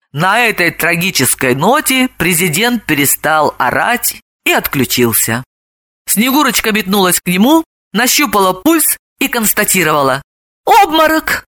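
Woman, audiobook narrator, lively comic storytelling, bright voice, dry close recording. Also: fairly low pitch, no echo. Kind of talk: expressive audiobook reading.

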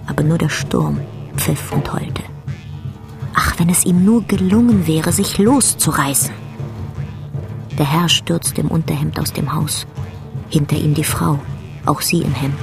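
Low, gravelly woman narrating. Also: over music. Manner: measured, dramatic storytelling. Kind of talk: scripted literary narration.

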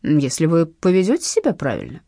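In an audiobook, a woman voices a sly, ceremonious old man on the phone, a blackmailer who is courteous on the surface but menacing underneath. Her voice is dark and husky, its pitch swooping wildly up and down, at a slightly fast pace. The reading is heavily acted and smoothly menacing, recorded in clean studio quality with no room sound.

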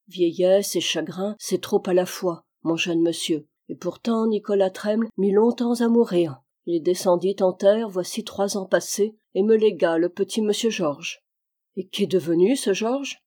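A woman's voice: mid-range voice, warm tone, close to an everyday voice. A woman reading the part of an old, devoted male valet from Brittany in an audiobook, earnest and loyal in manner.

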